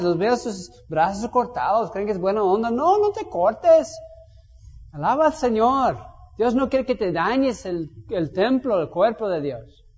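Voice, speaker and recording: A man's voice: sits high, a little mellow, slightly rough. A man preaching a sermon, telling the story vividly and putting direct questions to his listeners. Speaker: pastor. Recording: dull sound in long reverb.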